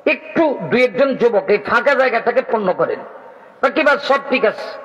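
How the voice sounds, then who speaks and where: A man delivers a lively sermon to a large outdoor gathering, teasing and questioning his listeners, then rising into sing-song chanting. His voice is unusually high. It carries through a PA system with a long echo and a somewhat dull, muffled tone. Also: moderate pace. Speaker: preacher. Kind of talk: Bengali waz sermon.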